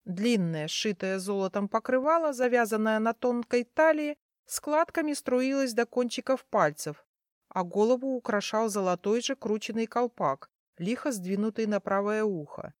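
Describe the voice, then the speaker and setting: A woman reading a first-person fantasy story as an audiobook narrator, in a measured storytelling manner. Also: a little high, no echo, clean studio sound.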